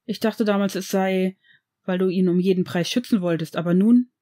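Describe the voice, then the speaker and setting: Woman reading old wizard headmaster, earnest, measured, mellow, fan-fiction audiobook. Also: medium pitch, lightly acted. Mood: grave. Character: old male headmaster, grave and gentle.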